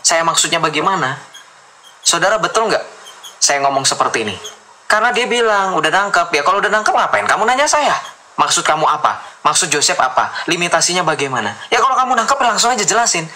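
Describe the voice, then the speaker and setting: A man's voice: on the high side, big pitch swings, quick pace, bright, forceful tone. A man hosting a heated religious debate, lecturing and mocking his opponent. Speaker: debate host.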